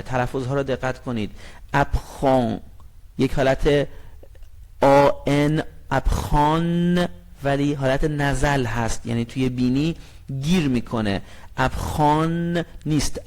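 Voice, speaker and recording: A man teaching a language lesson, explaining grammar in a friendly way and reading example sentences very slowly and clearly. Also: medium pitch. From Iran.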